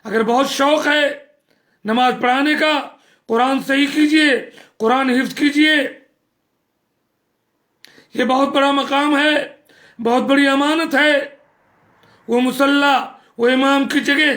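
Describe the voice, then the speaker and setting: High-voiced preacher man, earnest and scolding. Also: fairly even intonation, pauses often, a bit bright. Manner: earnest, scolding, repeats phrases for emphasis. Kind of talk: sermon.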